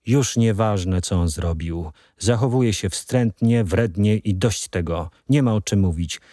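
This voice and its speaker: Audiobook, male reader as angry shrill young woman, contemptuous, dry close read. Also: a little slow, mellow, dry recording, lightly acted. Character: furious sharp-tongued young woman.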